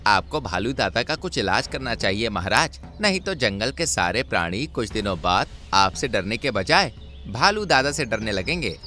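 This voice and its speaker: A man's voice: lowish voice, big pitch swings, normal speed, bright, forceful tone, soft background music. A man voicing a hot-headed young male monkey who complains indignantly. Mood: aggrieved.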